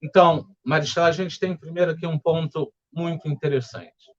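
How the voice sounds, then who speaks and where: A man with a Brazilian Portuguese accent leading a spiritual study group, speaking in a calm, gentle, explanatory way. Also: fairly high pitch, fairly quick, dull audio. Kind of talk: reflective spiritual study talk. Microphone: home setup with earphones.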